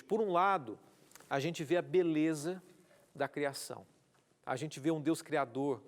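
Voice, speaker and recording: This man's voice is slightly high, and his accent is Brazilian Portuguese. He's a pastor giving a Bible study on a TV program in a studio, speaking earnestly, repeating key words, asking rhetorical questions, and reading out viewer messages with greetings.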